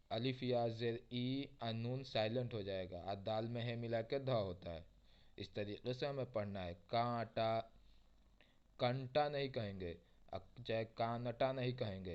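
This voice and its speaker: A man teaching Urdu reading, spelling words out letter by letter and then reading them slowly. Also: mid-range voice, a little mellow, dull audio. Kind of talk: slow spelled-out reading lesson.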